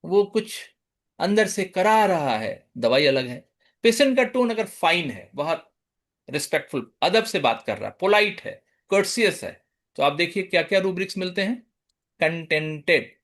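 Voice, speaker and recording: Male lecturer on a video call, high and animated, acts out patients. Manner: mixes English terms into explanation; lively, acts out patient speech. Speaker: homeopathy lecturer. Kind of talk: online lecture.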